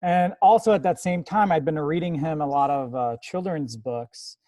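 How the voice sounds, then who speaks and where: A man's voice: on the high side, moderate pace, dark tone, no echo. A man who grew up in the United States, talking as an artist being interviewed in a casual, rambling way with many fillers and restarts. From born in Iran, grew up in America.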